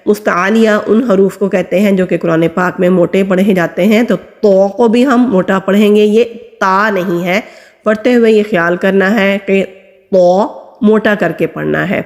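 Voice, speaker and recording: A woman's voice: medium pitch, darkish tone. A woman teaching Quran reading, patiently explaining how each letter is pronounced and drawing out the sounds as she recites them. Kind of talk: step-by-step recitation lesson. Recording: long hall reverb.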